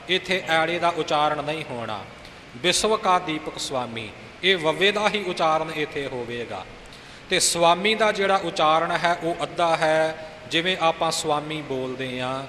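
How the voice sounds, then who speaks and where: A man teaching how to recite scripture, chanting lines slowly and then explaining pauses and pronunciation. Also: on the high side, bright, forceful tone. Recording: echoey room with long reverb and faint hiss.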